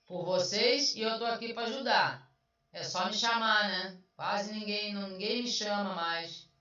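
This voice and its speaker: A woman teacher goes through exam answers step by step, chatty and questioning. Her voice is bright and keen. It sounds dull and far from the mic, in a very echoey room. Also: medium pitch, measured pace. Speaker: Portuguese language teacher. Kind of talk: online exam review lesson. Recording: roomy, distant, dull sound.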